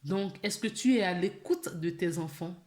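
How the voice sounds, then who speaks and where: A woman giving a spiritual guidance reading, speaking straight to the listener with many gentle questions and "d'accord?" check-ins. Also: lowish voice, roomy sound. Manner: slow, questioning, addresses listener directly. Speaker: spiritual channeler.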